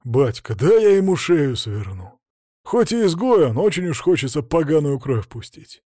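A man's voice: a little high, sing-song, normal speed, dark tone, no echo, studio quality. A man voicing a brutish, angry warrior henchman in an audiobook, crude and growling. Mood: gloating. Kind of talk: audiobook character acting.

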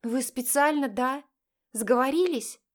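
A woman's voice: a little slow, lightly acted. A woman doing a flustered young sister. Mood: agitated. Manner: high, emphatic and exclaiming.

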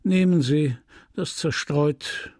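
A man's voice: a little high, takes it slowly, a little mellow, no echo, clean studio sound. A man reading as a pompous boastful apothecary. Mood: sociable. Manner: pompous, lecturing. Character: boastful know-it-all male apothecary, middle-aged.

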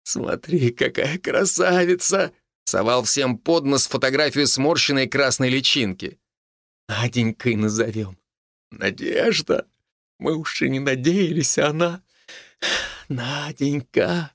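A man's voice: mid-range voice, no room sound, clean studio sound. A man doing a giddy, doting new father. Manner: soft, dreamy, drawn-out.

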